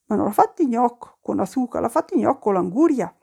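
A woman tells a folk tale at an easy pace. Her voice rises and falls freely, and she drops lively asides in local speech as she goes. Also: on the high side, brisk, vocal fry, husky. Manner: lively, slips into dialect asides. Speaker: storyteller. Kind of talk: folk storytelling.

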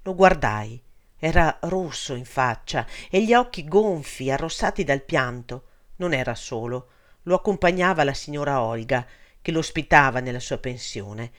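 A man's voice: mid-range voice, moderate pace. Somber man reading a memoir. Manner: steady, somber first-person reading. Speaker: narrator. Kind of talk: scripted storytelling narration.

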